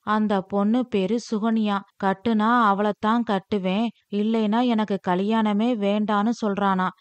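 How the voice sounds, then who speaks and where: Woman voicing a troubled gentle father. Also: medium pitch, flat delivery, unhurried, no room sound, close to an everyday voice. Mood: explaining. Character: worried middle-aged father, gentle and reasoning.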